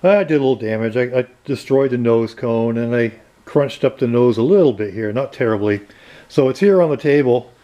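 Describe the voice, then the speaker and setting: A man's voice: medium pitch, a little fast, dark tone, muffled recording. A man giving a casual tour of his basement workshop and talking through a model plane rebuild, rambling and correcting himself as he goes. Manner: rambling, self-correcting, matter-of-fact. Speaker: RC plane hobbyist.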